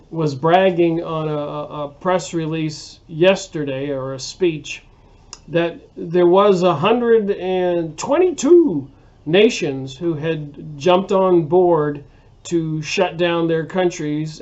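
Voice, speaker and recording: A man's voice: fairly high pitch, a little mellow, lo-fi sound. A man hosting a casual book review monologue, rambling and hesitant with many fillers and restarts. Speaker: video host reviewing books.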